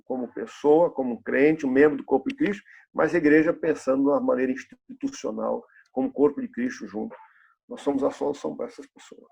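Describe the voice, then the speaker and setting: A man's voice: medium pitch, creaky, darkish tone, slightly rough. A pastor in his fifties preaching a sermon in a church, asking the congregation rhetorical questions and repeating key phrases. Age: 50s.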